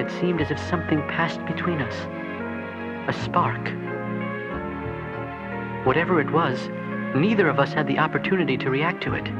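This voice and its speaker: A man's voice: on the high side, close to an everyday voice. An actor playing an earnest young hero who tells his story in the first person, in a reflective 1980s audio drama. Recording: dull cassette sound with heavy music.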